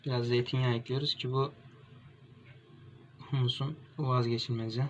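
A young man from Turkey, a gastronomy student, calmly walking through a cooking demonstration step by step, with pauses and fillers. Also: mid-range voice. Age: young adult. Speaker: gastronomy student presenting a recipe. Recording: dull lo-fi home recording with faint noise.

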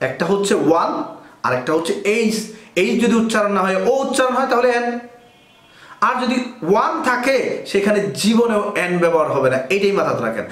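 A man's voice: sits high, a bit bright, roomy sound. A man explains a grammar lesson step by step, asking questions and answering them himself. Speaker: English grammar teacher.

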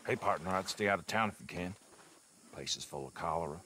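Old West townsman for a game: low voice, grave and cautionary, faint noise behind. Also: fairly quick, sharp tone. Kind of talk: video game acting, quiet spoken warning.

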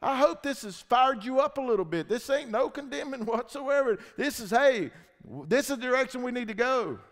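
A man preaching a sermon, swinging between loud shouting and low, intense talk. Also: animated, moderate pace. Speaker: pastor. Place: church hall. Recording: long church reverb.

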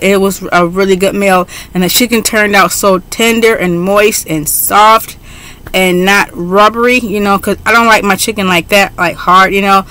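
A middle-aged woman talking casually on a home webcam in an excitable, chatty way, with frequent fillers. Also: medium pitch, clean tone. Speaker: beauty vlogger. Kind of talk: casual haul video. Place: bedroom at home, indoors. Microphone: webcam at desk.

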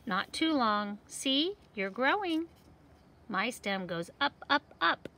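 A woman's voice: on the high side, lively intonation, slow pace, sharp tone, voice pushed up, full character voice. A woman voicing a confident, know-it-all young marigold seed in a picture-book read-aloud, emphatic and slightly bossy. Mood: proud.

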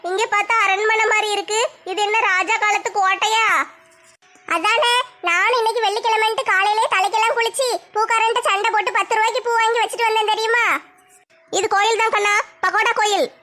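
A woman's voice: extremely high pitch, fairly even intonation, a little fast, bright, forceful tone, faint music behind. A woman performing a comedy skit, teasing and scolding in village banter.

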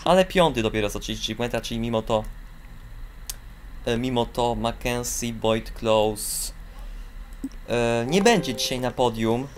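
A man calls ski jumping in a video game, his voice at an ordinary middle pitch. He breaks into high, excited shouts on the long jumps and stumbles over fillers and restarts. A faint hiss sits under the voice. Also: measured pace, pauses often.

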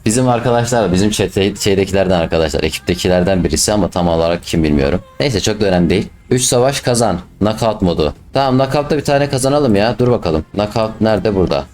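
A young man giving casual commentary while playing a mobile game, quick to swear and snap at his teammates. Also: lowish voice, soft background music. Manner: excitable, swears and snaps at teammates. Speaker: gaming YouTuber.

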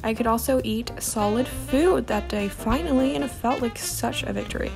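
A woman's voice: fairly high pitch, moderate pace, creaky, music in the background. A young woman casually narrating and chatting in a personal vlog. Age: young adult. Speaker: vlogger.

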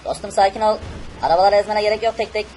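A man's voice: sits high, steady tone, racing, a little mellow, slight background noise, pitched above the performer's own voice, lightly acted. A man voicing a friendly male race car who pleads with a worried, soothing tone. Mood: pleading.

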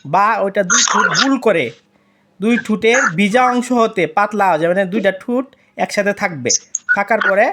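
A woman's voice: medium pitch, brisk, background noise. A woman teaching an online Quran lesson, patiently repeating each letter sound to demonstrate it.

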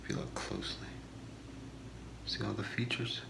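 A man in his thirties doing a whispered role-play as a shopping channel host, soft-spoken, with a slow, deliberate product pitch in a small room. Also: wildly swooping pitch. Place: small home room, indoors. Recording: echoey room with clear background noise.

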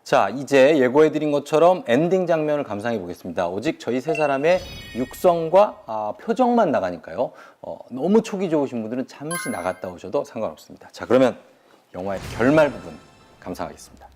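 A man's voice: medium pitch, sing-song, a little fast, darkish tone, soft background music. A man hosting a casual movie talk show, often chiming in with reactions. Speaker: show host.

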